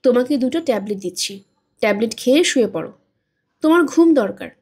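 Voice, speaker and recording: A woman's voice: on the high side, animated, fairly quick, a little mellow, husky. A woman reading as a patient coaxing son. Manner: coaxing, reasoning.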